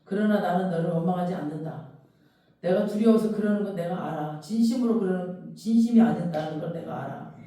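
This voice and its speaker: A pastor voicing a gentle, forgiving man who speaks softly to a friend in the middle of a sermon. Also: mid-range voice, close to an everyday voice. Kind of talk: acted quote within a sermon. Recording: very echoey hall, distant mic.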